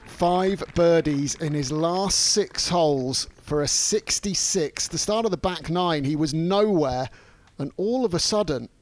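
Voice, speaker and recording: A man narrating golf highlights and commentating on the play as a sports broadcaster. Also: measured pace.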